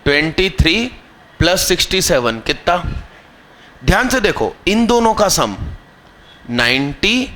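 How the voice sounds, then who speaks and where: Man, math teacher, classroom lecture, slightly high voice, drills and teases students. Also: very animated, a bit bright. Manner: scolding, teasing students mid-lesson; questions the class and drills terms slowly.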